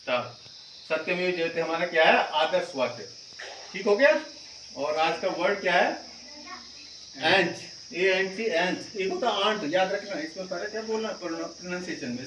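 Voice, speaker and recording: A male school teacher with a high voice explains a lesson patiently, often pausing to check that the class follows. He sounds roomy and a little distant from the mic, with faint insect sounds behind him. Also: lively intonation, a bit bright, slight background noise.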